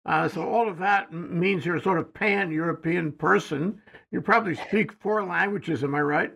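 A man hosting a talk show, interviewing a guest over a remote call in a halting, rambling way full of fillers. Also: sits high, creaky, fairly bright tone, low-quality recording. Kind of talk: casual interview. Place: studio in Hawaii.

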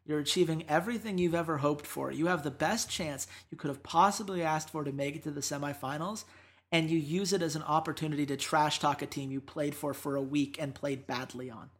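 A woman's voice: deep voice, fairly quick. A woman co-hosting an esports podcast, talking through matches in casual analysis with emphatic, exasperated rants.

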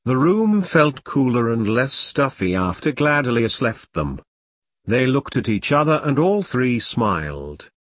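A man reading a historical novel aloud as a narrator, in a steady storytelling manner. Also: mid-range voice, measured pace, no echo. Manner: steady storytelling read with dialogue. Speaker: audiobook narrator. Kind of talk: scripted narration.

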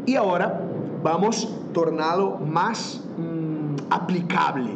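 A man's voice: fairly high pitch, takes it slowly, vocal fry, background noise. A man with a Brazilian Portuguese accent, a native Portuguese speaker and vocal coach, explaining singing exercises in an interview, slipping in Portuguese words and stopping to demonstrate. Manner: slips in Portuguese words, searches for words.

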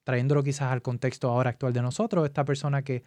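A man speaks earnestly and at a measured pace, often posing rhetorical questions. His voice sits in a middle pitch and is recorded dry, with no room sound. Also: flat delivery, a little mellow, dry recording. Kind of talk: casual faith discussion.

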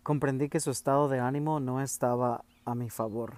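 Steady male audiobook narrator. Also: mid-range voice, no room sound. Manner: measured, steady storytelling. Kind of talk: first-person audiobook reading.

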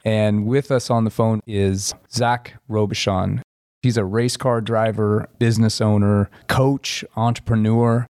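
A man hosting a podcast interview, asking friendly, measured questions. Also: fairly low pitch, flat delivery, a little mellow, no echo, clean studio sound. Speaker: podcast host.

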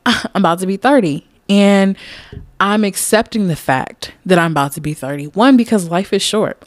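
Woman, late twenties, low-pitched, candid and rambling, laughs a lot, dry close sound. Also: dry recording. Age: late 20s. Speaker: podcast host. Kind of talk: casual personal monologue.

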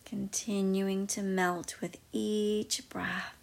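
A woman guiding a meditation in a soft, slow, mostly whispered voice. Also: medium pitch, little pitch movement, gravelly. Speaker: meditation guide. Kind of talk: guided meditation.

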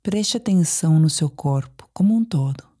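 Leading a sleep meditation, a woman with a Brazilian accent speaks in a low, dark, relaxed voice with a breathy edge. Her phrasing is slow and soothing, broken by gentle pauses.

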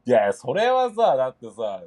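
A young man co-hosting a podcast in casual comedic banter, firing back quick exasperated retorts and often laughing. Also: medium pitch, huge pitch swings, a little mellow. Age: young adult. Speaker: podcast co-host.

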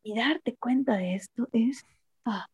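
A woman's voice: a little high, slow, a little mellow, breathy edge, no room sound, highs cut off. A woman with a Mexican accent, a guest telling a personal story in a candid, reflective way and repeating phrases for emphasis. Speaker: interview guest.

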